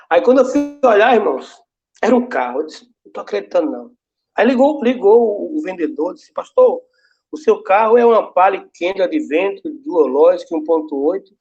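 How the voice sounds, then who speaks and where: Male pastor, high lively voice, storytelling testimony, dull lo-fi sound. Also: fairly quick. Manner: storytelling, acting out both sides of dialogues. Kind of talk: testimony preached to a congregation. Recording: dull lo-fi recording.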